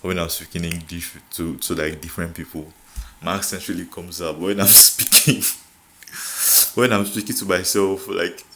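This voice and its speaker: A man's voice: sits low, steady tone, normal speed, sharp tone, a little hiss or hum. A young man from Nigeria with a Nigerian accent, chatting casually to camera, laughing often and filling with "like". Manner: laughs often, code-switches, repeats filler "like". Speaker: vlogger.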